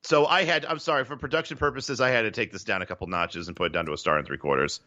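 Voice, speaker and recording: A man with a bright, pointed voice co-hosts a casual wrestling podcast, arguing his ratings bluntly and swearing freely. The sound is a little muffled and lo-fi. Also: on the low side, racing. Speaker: podcast co-host. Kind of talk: casual wrestling recap chat.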